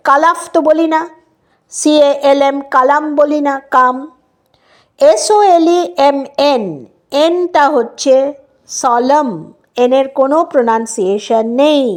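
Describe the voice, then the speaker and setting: A woman's voice: high-pitched, darkish tone. A woman with a Bengali accent teaching an English lesson, patiently spelling words out letter by letter and checking that her viewers follow. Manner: explains patiently, spells words letter by letter, often adds "right?". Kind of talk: casual spoken lesson.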